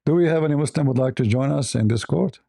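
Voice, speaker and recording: Gravelly, dark-voiced male debate host. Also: medium pitch, no echo, studio quality. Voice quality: raspy. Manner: mocking, halting with many fillers. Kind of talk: livestream debate talk.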